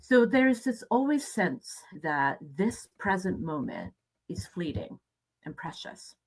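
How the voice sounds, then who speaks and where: A middle-aged woman from Japan giving a conference presentation in a reflective, measured way, with hesitant fillers. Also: fairly low pitch, sing-song, a little mellow, poor audio.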